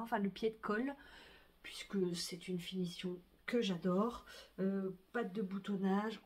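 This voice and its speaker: A middle-aged woman, chatting casually about her sewing and knitting projects, full of fillers and restarts. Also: a little high. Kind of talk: casual chat to camera.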